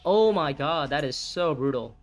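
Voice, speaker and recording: A streamer in his twenties narrates his own ranked board game live at a moderate pace, his slightly high voice jumping around as he reacts. Excitable, he thinks each move through aloud and loudly swears when a turn goes badly, with soft music faintly underneath.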